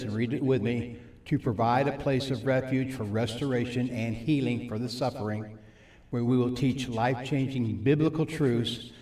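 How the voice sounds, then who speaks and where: A man teaching a live faith-based recovery group on stage, folksy, repeating points slowly for his audience. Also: medium pitch, a little mellow, reverberant. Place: church meeting room with audience and monitors.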